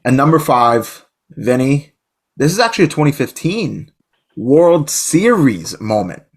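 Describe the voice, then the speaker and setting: A man co-hosts a podcast in casual chat, excitable and rambling, frequently restarting sentences. His pitch sits in an ordinary male middle range, and he speaks unhurriedly.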